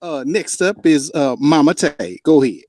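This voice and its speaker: A man's voice: on the high side, very animated, normal speed, darkish tone, no echo. A man hosting a casual podcast, playful and fond of repeating himself as he introduces the panel. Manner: playful, repeats "all right". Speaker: podcast host.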